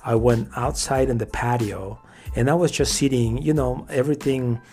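A man's voice: medium pitch, normal speed, faint music behind. A man from Mexico, a podcast guest telling his faith story in casual, earnest talk and acting out what people said. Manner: earnest, animated storyteller who acts out quoted dialogue.

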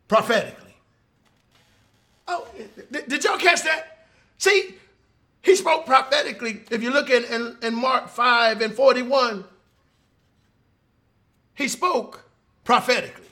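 A man preaching a lively sermon, calling on his congregation. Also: high-pitched. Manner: animated, calls on the congregation.

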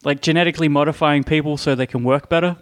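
A man's voice: a little high, steady tone, fast. A man co-hosting a podcast in casual, blunt chat, swearing freely. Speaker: podcast co-host.

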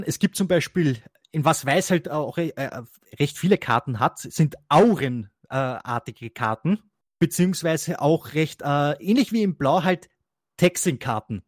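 A man's voice: on the high side, dry recording. Rambling German man, dry close sound. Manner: rambling with many restarts and fillers; laughs often. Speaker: co-host. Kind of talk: casual card game podcast chat.

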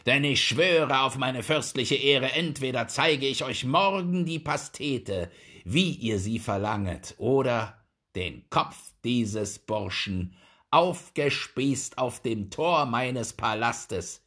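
A man reading a fairy tale, voicing a proud, hot-tempered duke in a loud, pompous, commanding voice. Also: mid-range voice, animated, measured pace, slightly rough, full character voice. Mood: furious.

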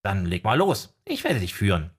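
A small owl familiar with a pedantic, know-it-all streak, as a male narrator puts him on for an audiobook. The voice sits high and perky, with a husky, breathy grain under it. He chirps his remarks like a fussy little professor. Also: wildly swooping pitch, moderate pace, heavily acted. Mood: guiding. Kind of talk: audiobook character voice.

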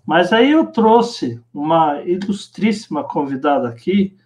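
A Brazilian man co-hosts a live show in casual chat. His voice sits high and moves around a lot in pitch. He is playful and quick to exclaim. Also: lively intonation, a little mellow.

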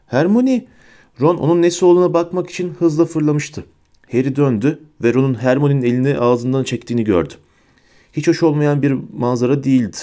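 A man reads an audiobook aloud in a measured, expressive storytelling voice. His tone is mellow and dark. He pays close attention to each sentence. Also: mid-range voice. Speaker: audiobook narrator. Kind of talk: scripted audiobook narration.

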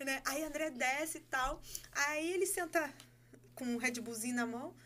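A Brazilian woman telling a story in casual podcast chat, animated and laughing as she acts out dialogue. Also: sits high, moderate pace, slight background noise. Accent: Brazilian Portuguese. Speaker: guest.

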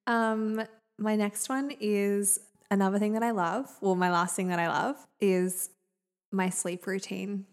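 A woman's voice: medium pitch, fairly even intonation, unhurried. A young woman hosting a podcast, chatting casually with lots of fillers. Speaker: podcast host. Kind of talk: casual chat.

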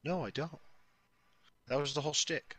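Male player, mid pitch, bright tone, dry room, relaxed jokester. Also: normal speed, slightly rough, no echo, poor audio. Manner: laid-back, jokey. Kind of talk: casual tabletop game chat.

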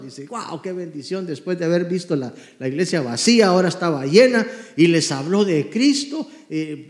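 Fervent high-voiced pastor in an echoey church. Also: male voice. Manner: fervent preaching, rising to loud exclamations then dropping to quiet storytelling. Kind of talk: sermon.

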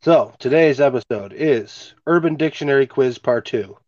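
A podcast host chats casually from home, recording remotely on a home microphone; he has a stuffy nose, keeps things laid-back and swears casually. He speaks at a normal speed with a medium-pitched, darkish voice, in a muffled recording lacking room sound.

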